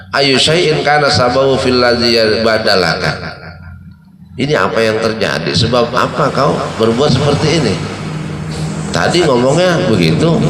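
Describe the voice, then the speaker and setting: Man preaching in an echoey mosque. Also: medium pitch. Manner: lively storytelling, quoting Arabic and explaining it casually. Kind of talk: Ramadan sermon, storytelling. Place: mosque hall.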